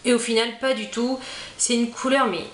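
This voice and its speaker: A woman reviewing makeup in a casual, chatty way, often pausing with fillers and restarting her sentences. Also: on the high side, steady tone. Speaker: beauty vlogger. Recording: echoey room with faint ambient noise.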